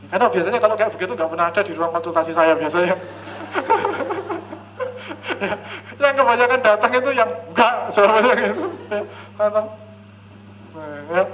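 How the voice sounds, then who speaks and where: A man's voice: sits high, a bit bright, a little hiss or hum, rough recording. A man speaking as a counselor at a live seminar, who often checks in with the audience and acts out conversations between parents and children.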